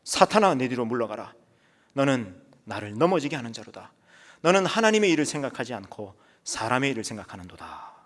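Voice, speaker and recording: A man's voice: mid-range voice, very animated, brisk, natural voice. A man voicing a stern male teacher who rebukes firmly and solemnly, in a reverberant church.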